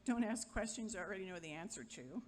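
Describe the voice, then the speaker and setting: A middle-aged woman giving an informal memorial eulogy, chatty and wry, joking with the crowd and sometimes halting. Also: mid-range voice, expressive, background noise. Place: gathering hall at a memorial.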